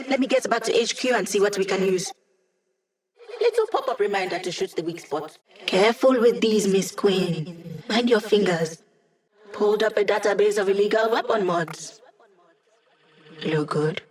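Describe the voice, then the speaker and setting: A woman voicing a digitized young female hacker in a video game, a wry, upbeat ally with casual, techy chatter. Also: medium pitch.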